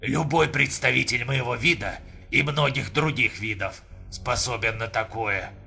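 A male audiobook reader voicing a calm, blunt Neanderthal man, firm and matter-of-fact. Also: mid-range voice, unhurried, creaky, faint music behind, heavily acted. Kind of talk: audiobook reading.

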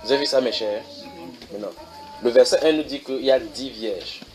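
Man preaching, slow verse reading. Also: medium pitch, background noise. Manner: reads verses slowly then explains, asks the audience if they follow. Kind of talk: sermon teaching. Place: church.

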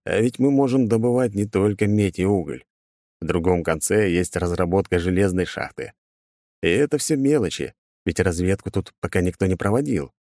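Low-voiced male audiobook narrator. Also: moderate pace, darkish tone, no echo, studio quality. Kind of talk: first-person audiobook narration.

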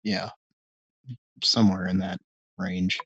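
This middle-aged live call-in stream host takes it slowly, his low, slightly rough voice fairly bright with little pitch movement. His chat is casual and meandering, full of hesitations, ums, and restarts, along with wry digs at himself. There is no echo, and the sound is lo-fi.

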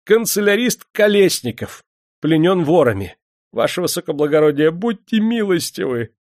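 Brief: man voicing a groveling clerk, shrill and high, wails and begs, dry close read. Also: lively intonation, moderate pace, no echo. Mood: pleading. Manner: pleading, wailing. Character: terrified tearful male clerk, groveling.

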